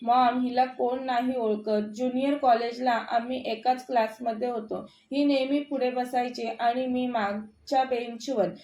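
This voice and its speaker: A woman's voice: a little high, steady tone, measured pace, few pauses, mellow. A woman voicing a cheerful, eager young college student, in an echoey room. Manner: bubbly and eager.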